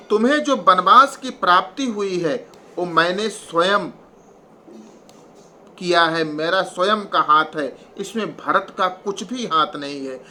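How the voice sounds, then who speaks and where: A man teaching Hindi poetry, reciting verses slowly and then explaining them line by line in plain prose. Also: sits high, sharp tone, a little hiss or hum. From India.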